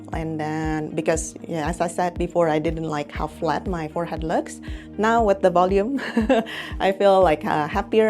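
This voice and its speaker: A young woman from Indonesia talks through her recovery in a relaxed vlog. Her voice sits fairly low with a gravelly fry, and she fills her sentences with small laughs and hesitations. Soft music plays faintly underneath. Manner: chatty, laughs often, many fillers. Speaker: clinic employee and patient. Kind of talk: casual vlog testimonial.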